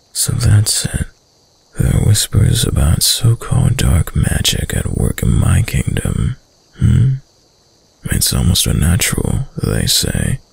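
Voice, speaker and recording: For a roleplay audio drama, a male voice actor plays a possessive, seductive prince with a dark reputation, giving a full character voice. His tone is extremely deep, gravelly, breathy and husky, and he speaks slowly and suavely, stretching his words out with hushed, dominant control. The recording has no room sound, and his delivery is deliberate.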